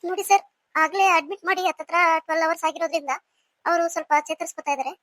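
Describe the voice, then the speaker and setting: A woman's voice: very high voice, fairly even intonation, racing, fairly bright tone, no room sound, pitched below the performer's own voice. A woman voicing a hospital doctor in a cartoon, giving firm instructions.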